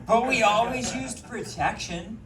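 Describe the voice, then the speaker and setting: A loud crowd surrounds a Boston man doing a rambling, self-mocking stand-up set at a comedy club, his Boston accent strong and his speech full of ums. His very high-pitched voice moves a little slowly, and the roomy recording comes from a mic set at a distance.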